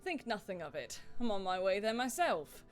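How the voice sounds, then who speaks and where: A woman voicing a jovial, stocky male dwarf druid, speaking in a booming, hearty way. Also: sing-song, moderate pace, soft background music, natural voice.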